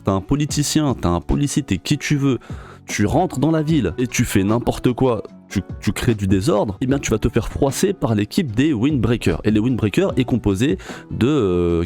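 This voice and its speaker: Low-pitched man, casual manga review. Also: warm tone. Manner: colloquial, slangy, talking straight to the viewer. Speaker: manga reviewer, video host.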